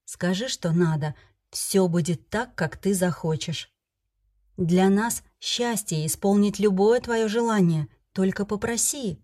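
A woman voicing a gentle, puzzled male lord who speaks softly and soothingly. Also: mid-range voice, normal speed, few pauses, lightly acted. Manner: soft, soothing and reasoning.

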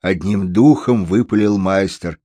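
A man narrating a story aloud, lively and slipping into voices for the characters. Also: deep voice, measured pace, no echo. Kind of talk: storybook reading.

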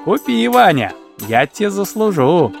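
A man voicing a sly peasant aunt who coaxes and scolds in a raised, lively voice. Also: high voice, measured pace, creaky, soft background music, full character voice. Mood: coaxing. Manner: coaxing, scolding.

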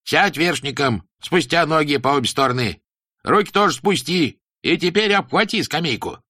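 A stern, pompous schoolmaster from an old storybook, as a male narrator puts him on, pitched well above a plain voice and declaiming loudly. He lectures in slow, swinging rhymes with a bright, cutting tone. The sound is close and dry. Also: animated, no echo. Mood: commanding. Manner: rhyming sing-song preaching, slow and emphatic.

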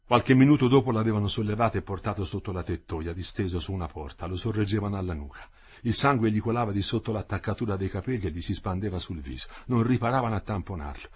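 A man narrating a novel as an audiobook, in an expressive, dramatic reading. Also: on the low side, fast talker, husky. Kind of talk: scripted narration.

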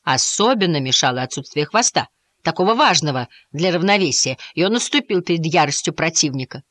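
Expressive woman reading a children's story. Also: low voice, a little fast, no echo. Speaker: audiobook reader. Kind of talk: children's audiobook narration.

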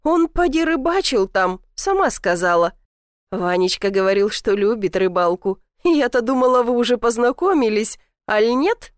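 A woman's voice: a little high, lively intonation, moderate pace, dry recording, clean studio sound, lightly acted. A woman voicing a teasing, doting old village grandmother who talks in a folksy, sly way.

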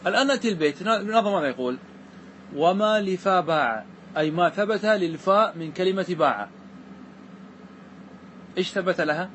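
A man with a slightly raised pitch teaches a classroom grammar lesson. He recites verse lines slowly and deliberately, then breaks them down and keeps checking that his students follow. A faint hum of room noise sits behind his voice. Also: a bit bright. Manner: checks understanding with repeated questions to students.

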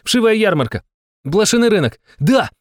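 Loud, high-pitched, swearing young shaman girl, voiced by a male reader. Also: fast talker, dry recording, clean studio sound. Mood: heated. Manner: shouting, swearing, excitable. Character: brash foul-mouthed young woman shaman.

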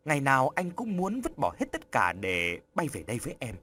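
A man voicing a charming, smooth-talking deceiver in an audiobook story, coaxing and soothing. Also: medium pitch, big pitch swings, moderate pace, fairly bright tone, a little hiss or hum. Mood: tender. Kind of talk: audiobook character voice.

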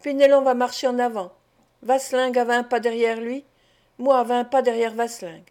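A woman's voice: a little high, little pitch movement, normal speed, a little mellow, close to an everyday voice. A woman voicing a grave, commanding older father and captain in a read-aloud story.

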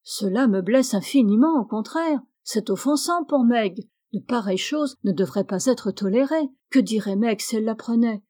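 Woman reads frank spirited young woman, fairly high and mellow, audiobook. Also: expressive, moderate pace, few pauses. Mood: indignant. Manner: earnest and direct.

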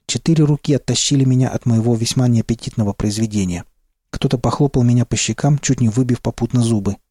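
A man narrating a first-person audiobook in a steady, low-key way. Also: fast, slightly rough, no echo, clean studio sound.

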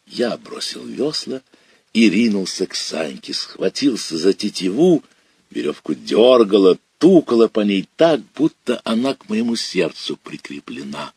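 A man reading a story aloud in dramatic narration, with lively storytelling and sudden loud outbursts. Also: lowish voice, unhurried, breathy edge, dry recording. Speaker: audiobook reader. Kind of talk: expressive literary narration.

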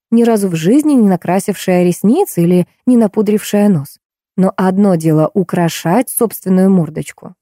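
A woman narrates a first-person audiobook in a steady storytelling manner. Her voice is low-set and mellow. It is recorded close on a dry studio mic. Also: no room sound.

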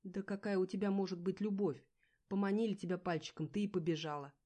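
Jealous husband, sneering and scolding , voiced by a woman audiobook reader, low-set, mellow tone. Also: fairly even intonation, a little fast, natural voice. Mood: contemptuous. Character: angry jealous husband, adult man, contemptuous.

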